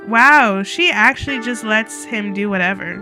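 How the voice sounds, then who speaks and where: A woman playing through a narrative game, reading the text aloud and reacting in a chatty, excitable way. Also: medium pitch, moderate pace, soft background music. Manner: chatty, excitable, laughs a lot. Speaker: game streamer. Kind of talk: let's play commentary and reading aloud.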